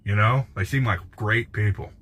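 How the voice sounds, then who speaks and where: A man's voice: fairly low pitch, moderate pace, a bit bright. An American man, a truck driver, chatting casually on a phone livestream from his truck cab, blunt, profane and rambling with lots of restarts. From United States.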